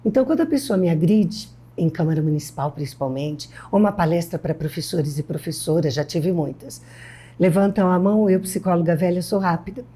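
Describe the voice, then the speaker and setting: A woman's voice: on the low side, fairly quick, warm tone, husky. A woman in her sixties from Brazil, a guest educator in an interview, telling stories emphatically and acting out quoted dialogue. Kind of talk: interview conversation.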